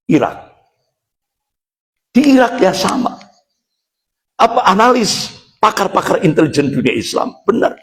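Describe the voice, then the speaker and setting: A middle-aged Indonesian man preaching to a congregation in an animated, emphatic way. His voice sits somewhat high and leaps widely in pitch as he drives his points home. He often turns to address the listeners directly. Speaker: Islamic preacher. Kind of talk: religious lecture to a congregation.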